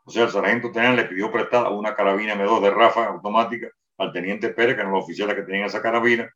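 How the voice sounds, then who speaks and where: An older man recounts a memory in rapid, detailed first-person testimony, often restarting his phrases. His voice sits a bit low and reaches the listener from a distance. The room around him is roomy and the sound is dull. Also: steady tone, sharp tone. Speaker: interviewee recounting a wartime memory.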